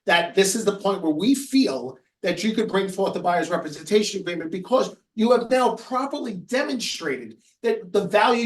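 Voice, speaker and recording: A man giving a real estate coaching webinar, telling a client story earnestly and going soft and quiet in the emotional parts. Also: sits high, echoey room, recorded from a distance. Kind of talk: webinar presentation.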